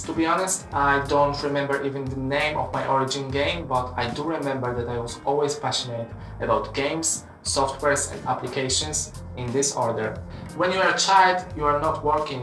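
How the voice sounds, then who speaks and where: A man in his late twenties from Poland, speaking English with a Polish accent as he earnestly tells his own story on his channel, pausing on frequent "uh" fillers. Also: medium pitch, sharp tone. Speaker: web developer and channel host. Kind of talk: personal story vlog. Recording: roomy echo from a distance with music.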